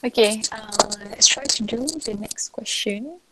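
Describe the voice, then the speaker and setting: A woman's voice: on the high side, slow pace, background noise. A woman teaching an online physics lesson, mixing Malay and English and checking in often with the class. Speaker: lecturer.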